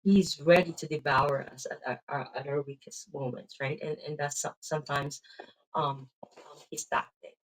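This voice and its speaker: Speaking at a moderate pace in a low, steady voice, a middle-aged woman with a Filipino accent, from the Philippines, rambles casually about her faith. She sounds tired and depleted, often saying "um" and "right?", on a rough recording.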